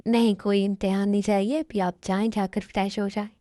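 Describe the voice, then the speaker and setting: A woman's voice: mid-range voice, flat delivery, a little fast, no room sound, clean studio sound. A woman doing a timid, pleading young wife. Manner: pleading, soft, apologetic. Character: timid young woman, sweet and easily frightened. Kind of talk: Hindi fan-dub romance drama.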